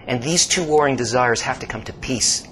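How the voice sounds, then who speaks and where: A male narrator reads a scripted explainer at a mid pitch, in a slow, dramatic way that drops to a hush and then rises with emphasis. A steady hiss runs under his voice the whole time. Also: low-quality recording.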